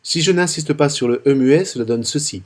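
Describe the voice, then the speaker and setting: A man calmly explaining how to chant a Sunday psalm, speaking with careful, clear diction. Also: on the high side, fairly quick. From France. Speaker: liturgical singing teacher. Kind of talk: instructional tutorial with sung psalm examples.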